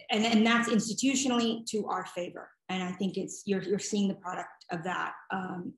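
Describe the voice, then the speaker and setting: A nonprofit director, a middle-aged woman with a mid-range voice, is the guest being interviewed over a video call from indoors at home. She answers with care but hesitantly, repeating words as she hunts for the right ones. Her computer microphone leaves the audio sounding echoey and roomy.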